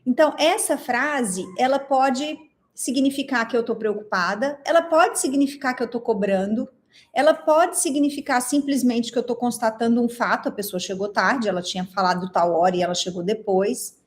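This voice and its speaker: Teaching online with a Brazilian Portuguese accent, this expressive instructor keeps questioning her audience and reading their replies from the chat. She speaks on the high side at a moderate pace.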